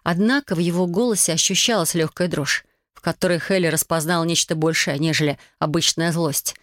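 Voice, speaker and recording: An audiobook narrator reading a tense scene in measured, even storytelling. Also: mid-range voice, no echo, studio quality. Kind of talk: scripted narration.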